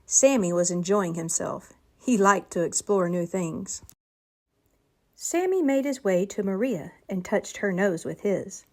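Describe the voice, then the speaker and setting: A woman reads a children's storybook aloud in an animated way, her medium-pitched voice expressive and measured. She phrases each line carefully like a storyteller for young listeners.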